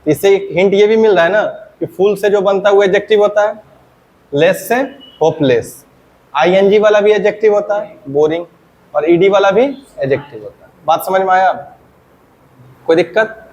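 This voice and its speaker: A man teaching English grammar in a classroom lesson. He often asks a question, answers it himself in a lower voice, and checks whether the class has understood. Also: normal speed, a little mellow, muffled recording. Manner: asks questions then answers them himself, dropping low on the answers.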